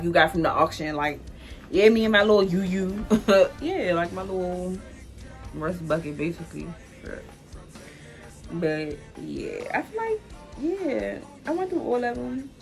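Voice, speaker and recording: This D.C. vlogger in her 20s has a low-pitched, fairly bright voice. She gives a casual solo explainer in a loose, chatty way, leaning heavily on "like" and laughing easily.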